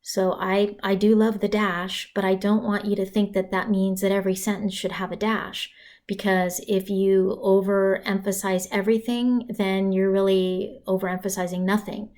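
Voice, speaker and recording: A woman's voice: mid-range voice, level tone, darkish tone. A woman teaching punctuation in a recorded slide lecture, talking conversationally with casual asides. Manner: conversational, asides and dramatic pauses for emphasis. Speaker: writing instructor.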